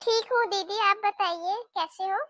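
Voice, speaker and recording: Woman playing a shy polite new bride, cartoon, high bright little voice. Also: unhurried, no room sound, studio quality, exaggerated voice. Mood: meek. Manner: soft, respectful. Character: meek polite young newlywed daughter-in-law. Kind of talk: cartoon voice acting.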